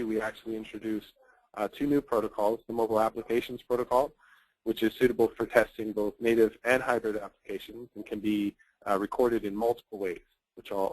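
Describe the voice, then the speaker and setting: Male webinar presenter, low voice, dry close recording, lots of "uh" and restarts. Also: no room sound, rough recording. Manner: fluent with frequent fillers and repeated words. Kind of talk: technical product webinar.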